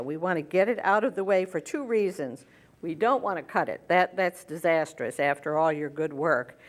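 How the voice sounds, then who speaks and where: Older woman, TV craft host, easygoing step-by-step demo delivery. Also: medium pitch. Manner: friendly step-by-step explaining, talking while working. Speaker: quilting show host. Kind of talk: hands-on sewing demonstration.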